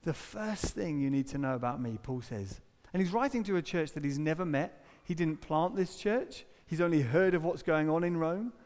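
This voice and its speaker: A man delivers a sermon in a high, light voice. He keeps it conversational, throwing in rhetorical questions and asides. His words ring out with a long reverb, as if filling a church hall. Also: normal speed, hardly any pauses, darkish tone. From Britain. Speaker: preacher.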